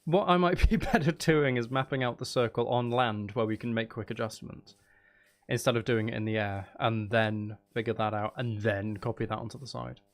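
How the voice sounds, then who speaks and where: Here the streamer talks at a normal speed with a steady tone and medium pitch. Casually commentating on his game, he mutters to himself and counts out loud, swearing and poking fun at himself in a playful way.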